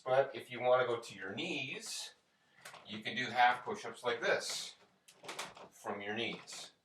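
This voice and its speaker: Male workout instructor, lowish pitch, explanatory step-by-step delivery, roomy sound from off the mic. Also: a bit bright. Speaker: fitness and kickboxing instructor. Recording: echoey room, distant microphone.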